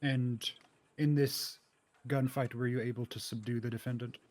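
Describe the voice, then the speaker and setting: A man's voice: mid-range voice, fairly even intonation, normal speed, darkish tone, lightly acted. A man playing a methodical trial lawyer who puts formal, probing questions in a courtroom role-play.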